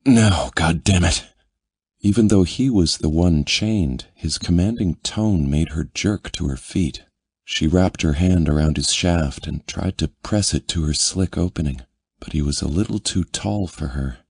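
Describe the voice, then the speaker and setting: A man reading a romance audiobook as narrator, in a low, intimate manner. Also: measured pace, darkish tone, breathy edge, no echo, studio quality. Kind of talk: scripted narration.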